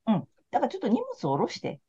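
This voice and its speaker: A woman's voice: on the high side, wildly swooping pitch, racing, dark tone, husky. A woman tarot counselor in casual podcast chat, talking in a frank, laid-back, chatty way. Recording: slightly muffled lo-fi audio.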